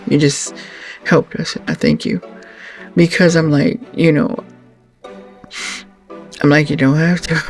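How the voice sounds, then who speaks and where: Gravelly-voiced woman giving earnest thanks. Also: low voice, a little mellow. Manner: earnest and religious, halting with many fillers and restarts. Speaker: channel host, wife of the late channel owner. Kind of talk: heartfelt thank-you talk to supporters.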